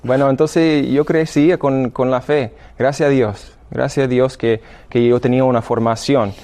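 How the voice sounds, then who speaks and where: An American seminarian in his 30s from Illinois, whose first language is English, speaks hesitant Spanish with an American English accent as a guest giving testimony in a radio interview. His medium-pitched, slightly mellow voice has fairly even intonation, and his delivery is halting with many restarts.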